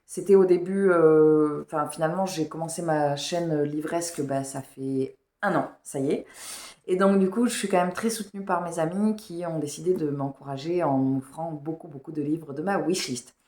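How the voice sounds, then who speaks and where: A woman book vlogger with a low, dark voice chats casually at normal speed, rambling about her pile of books to read. Her diction is slightly unclear, and the room she records in is echoey.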